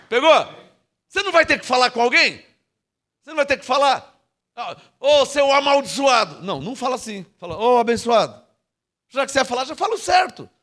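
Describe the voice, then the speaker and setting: A Brazilian man preaching in a high, bright register with wide swings in pitch. He delivers the sermon emphatically and keeps calling on the congregation to answer. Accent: Brazilian Portuguese. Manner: emphatic, calls on the congregation for responses. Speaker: pastor.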